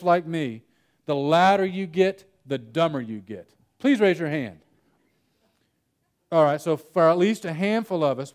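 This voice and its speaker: A young man leads a conference breakout session in a fairly high voice. He tells stories with plenty of jokes and talks straight to the audience. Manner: animated storytelling, jokes with the audience. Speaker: workshop speaker. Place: conference room.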